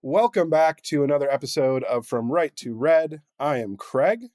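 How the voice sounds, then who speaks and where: A man's voice: on the high side, animated, moderate pace, a little mellow, faint music behind. A man co-hosting a casual podcast, joking loosely and talking with many fillers and restarts. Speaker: podcast co-host.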